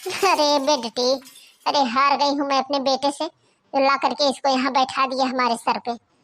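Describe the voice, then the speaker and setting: A woman voicing a strict old mother-in-law in a cartoon, scolding in high calls and coughing often. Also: little pitch movement, a little slow, a bit bright, a little hiss or hum. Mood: lamenting. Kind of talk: cartoon voice acting.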